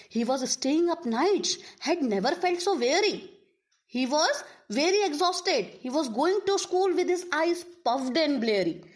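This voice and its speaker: Brief: woman teacher, high voice, patient and rephrasing. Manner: explains word meanings, with restarts and simple rephrasing. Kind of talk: reading a story aloud and explaining it to a class.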